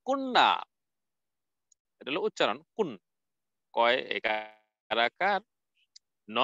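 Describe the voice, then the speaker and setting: A man's voice: sits high, pushed and bright, dry recording. A man teaching a recorded college lecture, spelling out words letter by letter and asking and answering his own questions. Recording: dull lo-fi dry recording.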